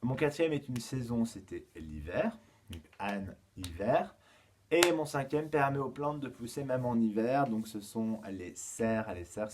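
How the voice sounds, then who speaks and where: A man teaching a remote lesson to young children, counting aloud slowly and patiently, with frequent fillers as he explains. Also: lowish voice, a little mellow, slight background noise. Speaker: kindergarten teacher.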